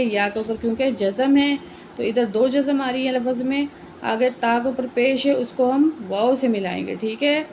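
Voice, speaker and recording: A woman teaching a Quran reading lesson, patiently spelling out each letter and stretching the joined words very slowly. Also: a little high, darkish tone, slight background noise, low-quality recording.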